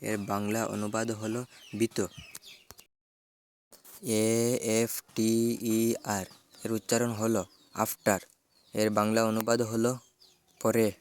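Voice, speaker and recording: A man works through a vocabulary list, spelling each word letter by letter before giving its meaning. His voice sits low and stays almost completely flat, with no rise or fall. He moves slowly and deliberately, like a patient drill. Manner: slow, even, measured spelling out of letters. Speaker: vocabulary teacher. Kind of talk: spelling out English words and reading Bengali meanings.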